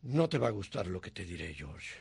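An old, gentle angel, gravelly and husky, slow and lively in pitch. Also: male voice, no echo, heavily acted. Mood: urgent. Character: elderly gentle guardian angel, male, earning his wings. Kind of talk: dubbed film dialogue.

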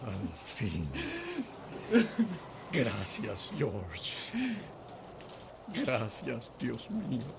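A gravelly old guardian angel. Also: male voice, lowish voice, big pitch swings, very slow, pauses often, noisy background, exaggerated voice. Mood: relieved. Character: elderly gentle guardian angel, male, earning his wings. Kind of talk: dubbed film dialogue.

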